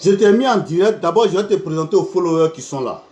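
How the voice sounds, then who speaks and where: A man's voice: fairly high pitch, lively intonation, quick pace, a little mellow. A man hosting a live stream, talking in a heated, insistent way. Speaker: live video host. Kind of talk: live social media stream. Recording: echoey room.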